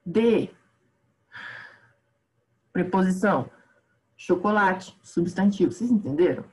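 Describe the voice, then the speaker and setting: Slow and on the low side, a tired Brazilian woman leads an online grammar lesson. She's chatty and pokes fun at herself, and her voice frequently fades off quietly.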